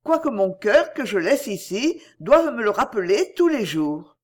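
A woman's voice: medium pitch, sing-song, unhurried, darkish tone. A worried middle-aged mother presses her daughter for answers, urgent and watchful. A woman reader gives her voice in a storybook reading. Her tone rises and falls with concern. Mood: anxious pressing.

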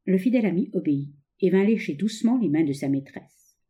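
A woman narrating a novel as an audiobook, with expressive, dramatic storytelling. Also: lowish voice, fairly quick.

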